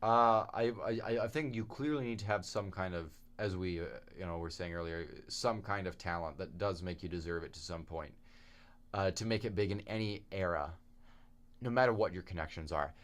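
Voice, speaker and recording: A man's voice: deep voice, a little fast. A young man co-hosting a podcast in casual chat, opinionated and talking in long stretches. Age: young adult. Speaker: podcast co-host.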